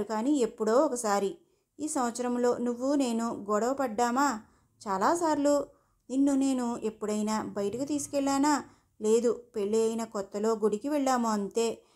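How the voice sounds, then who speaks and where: A woman voicing a gentle young wife who talks in a soft, earnest, confiding way. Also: a little high, moderate pace, lightly acted.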